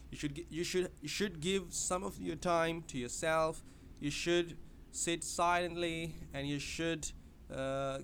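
A podcast host with a smooth, mid-range voice gives a casual advice monologue. Not a native English speaker, he sounds hesitant, often filling pauses and restarting his sentences.

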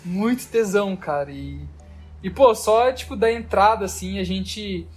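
A man's voice: sits high, a little slow, soft background music. A man with a Brazilian Portuguese accent telling a travel story in casual chat, loose and slangy, full of fillers.

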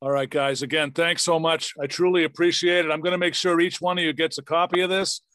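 Talking fast in a high, somewhat bright voice with little pitch movement, a man closes out his podcast interview casually. He thanks his guests appreciatively, and there's no room sound.

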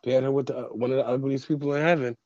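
A man co-hosting a podcast, telling jokes in casual chat with many pauses and fillers. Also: medium pitch, fairly even intonation, a little mellow, dry recording, highs cut off. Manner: rambling storyteller with fillers. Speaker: podcast co-host.

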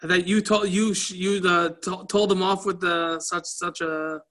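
A man's voice: high-pitched, flat delivery, unhurried, fairly bright tone. A man teaching a casual Talmud class, telling stories and explaining the text in a loose, conversational way with Yiddish and Hebrew terms mixed in.

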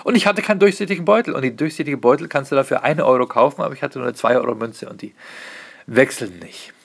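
A man, a comedian, telling a casual comic anecdote in an animated way, swearing freely and acting out bits of dialogue. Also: medium pitch, fast, creaky.

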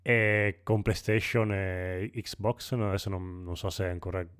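Brief: fairly low male voice, halting casual chat. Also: steady tone, clean tone, no echo, clean studio sound. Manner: hesitant, many fillers.

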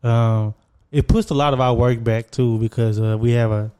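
A man's voice: mid-range voice, fairly even intonation, moderate pace, mellow, clear, resonant tone. An American man co-hosting a podcast, chatting casually in a slangy, conversational way. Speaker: podcast co-host. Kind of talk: casual chat.

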